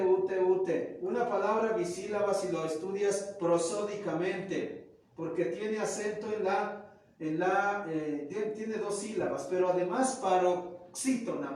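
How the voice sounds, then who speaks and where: A man's voice: sits high, a little mellow. A man teaching classical languages in a classroom lecture, methodically explaining grammar term by term. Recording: echoey room, mic far off.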